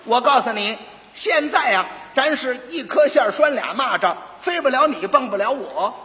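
A man's voice: very high-pitched, expressive, moderate pace, bright, forceful tone, exaggerated voice. A man with a Beijing accent voicing a hot-tempered, panicking county magistrate who blusters and stammers. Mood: pleading. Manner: pleading then blustering, stammering. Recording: dull lo-fi recording with long reverb.

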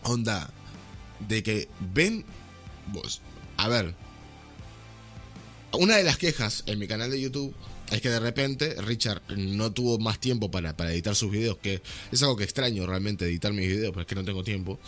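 A man's voice: lowish voice, animated, moderate pace, a bit bright, soft background music. A young man with a Rioplatense Spanish accent, ranting animatedly in a casual podcast chat, full of slang. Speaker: podcast host.

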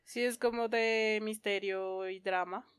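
A woman's voice: medium pitch, fairly even intonation, slow, clean tone, dry recording, studio quality. A young woman, chatting casually as a podcast co-host in a playful, giggly manner. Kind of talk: casual chat about anime.

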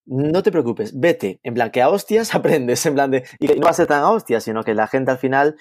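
A man's voice: mid-range voice, expressive, fairly quick, a little mellow, dry recording. A man hosts the interview in a casual, slangy tone and often laughs along with his guest. His voice sits mid-range, recorded dry with little room sound. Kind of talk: conversational interview.

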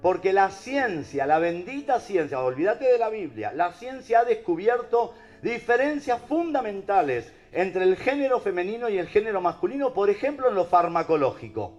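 Animated Rioplatense preacher, lively pitch. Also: male voice, moderate pace, few pauses, dull audio, faint music behind. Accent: Rioplatense Spanish. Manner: animated, rhetorical questions to the audience. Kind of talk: preaching talk.

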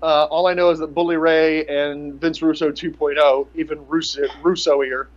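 Higher-voiced man ranting, lo-fi. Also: level tone, moderate pace. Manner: rambling, profane, sarcastic. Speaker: podcast co-host. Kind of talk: casual rant about pro wrestling. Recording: dull lo-fi podcast audio.

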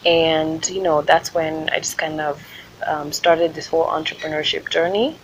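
A woman from Kenya talks casually on her own podcast in an American accent. Her voice sits slightly on the low side. She is informal and conversational, sharing thoughts in a loose, unscripted way. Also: fairly even intonation, moderate pace, lo-fi sound, a little hiss or hum. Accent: American, picked up in Ohio. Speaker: podcast host and small business owner. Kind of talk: casual solo podcast talk.

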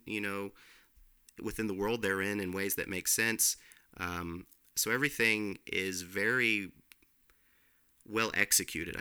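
A man's voice: lowish voice, sharp tone, smooth. A man co-hosting a podcast, chatting casually about films with many fillers and restarts. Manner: rambling, lots of fillers and restarts. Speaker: podcast co-host, film reviewer. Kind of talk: casual film review chat.

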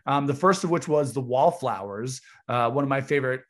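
Man, average pitch, podcast co-host, casual music talk. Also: brisk, fairly bright tone. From Canada.

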